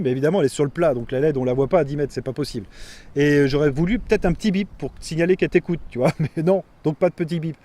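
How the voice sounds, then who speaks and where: A man's voice: fairly high pitch, a little mellow. A man giving a casual, rambling product review, full of fillers and self-corrections. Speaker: tech reviewer.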